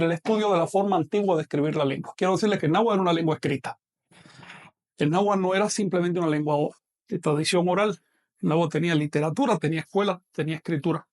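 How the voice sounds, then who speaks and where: High-voiced man teaching a language class. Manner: measured, patient explaining, slows down to model pronunciation. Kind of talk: online lecture.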